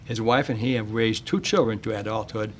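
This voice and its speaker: A man hosting a radio show, reading a measured, plain-spoken monologue on parenting and then interviewing a guest. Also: lowish voice, a little hiss or hum.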